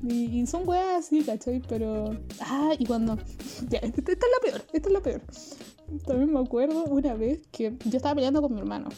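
A woman's voice: sits high, expressive, brisk, dark tone, soft background music. A woman with a Chilean accent casually telling childhood anecdotes, full of slang and swearing and laughing as she goes. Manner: slangy, swears often, laughs through stories. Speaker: storyteller.

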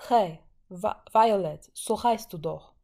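A woman's voice: fairly high pitch, expressive, moderate pace, a little mellow, voice pushed up. A woman reading an urgent pleading young woman. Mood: urging.

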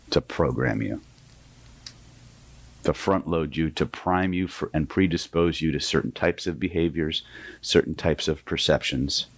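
A man from Oklahoma teaching hypnosis in a seminar to a live audience, emphatic and tossing in rhetorical "right?" asides. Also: extremely low pitch. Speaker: hypnosis instructor.

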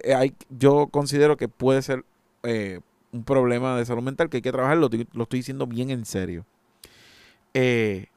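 A man's voice: mid-range voice, a little mellow, no room sound. Indignant man ranting. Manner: indignant, emphatic, exasperated. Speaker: podcast host. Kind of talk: solo opinion monologue.

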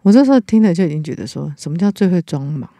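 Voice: mid-range voice, sing-song, rapid-fire, vocal fry, warm tone, dry recording. Taiwanese-accent teacher telling a story, earnest, lots of restarts, dry close sound. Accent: Taiwanese Mandarin. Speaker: teacher, podcast co-host. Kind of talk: casual chat, personal story.

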